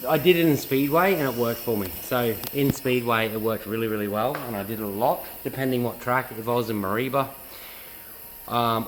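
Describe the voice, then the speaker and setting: Australian bloke, casual garage vlog, rambling and profane, faint hum of the workshop behind him. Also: male voice, mid-range voice, a bit bright, poor audio. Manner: rambling and profane, laid-back storytelling. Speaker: car builder and drift driver.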